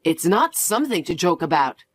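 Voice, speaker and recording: A woman's voice: fairly low pitch, big pitch swings, normal speed, soft background music, voice pushed down. A woman voicing an anxious, pushy middle-aged mother in a dramatized story narration, sounding frantic and guilt-tripping.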